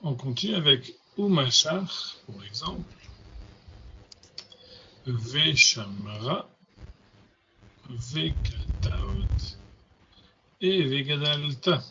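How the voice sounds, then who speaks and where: A man's voice: medium pitch, animated, very slow, long pauses, pushed and bright, highs cut off, slight background noise. A man teaching a grammar lesson, patiently repeating and spelling out words. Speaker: Hebrew teacher.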